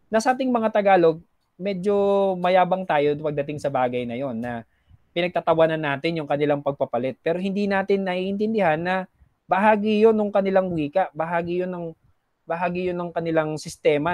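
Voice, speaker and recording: A man with a slightly high voice gives a recorded lesson, explaining patiently and lightly acting out how people in different regions speak. The sound is close and dry, with no room around it. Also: darkish tone, no echo. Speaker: teacher. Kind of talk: recorded classroom lecture.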